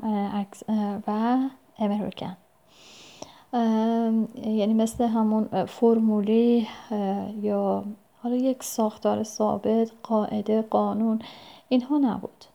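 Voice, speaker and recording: A woman sharing advice as a language learner, speaking hesitantly with many pauses and fillers, in politely formal phrasing. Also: fairly high pitch, vocal fry, warm tone. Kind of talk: casual spoken advice. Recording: dull lo-fi recording.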